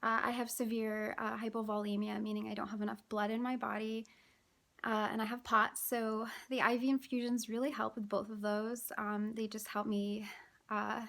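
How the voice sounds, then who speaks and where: Woman, vlogger, casual chat, exhausted, out of breath, sighing, vocal fry, higher pitch. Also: little pitch movement, fairly bright tone. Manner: weary, halting, many fillers and sighs. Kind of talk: casual chatty vlog.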